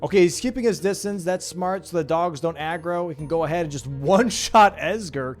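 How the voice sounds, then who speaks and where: Speaking a little fast in a slightly high voice, a young caster covers a live esports game with faint music behind him. He keeps it casual and slangy, turning to chat with his stream viewers between calls.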